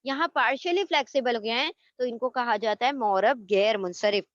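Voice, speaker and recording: Woman grammar teacher, high voice, patient and repetitive, close dry lo-fi sound. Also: dry recording. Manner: explains patiently, repeats terms, mixes English words into Urdu. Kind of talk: recorded online lesson.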